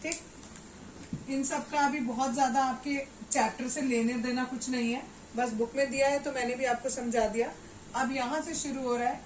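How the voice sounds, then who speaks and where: A fairly high-voiced woman teaches maths at an unhurried pace. She explains patiently, one step at a time, and keeps checking that the class is following. The room sounds echoey and she is some distance from the mic. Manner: patient, explains step by step, often asks "ठीक है" to check understanding. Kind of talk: classroom maths lesson at a board. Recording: roomy echo, voice away from the mic, faint background noise.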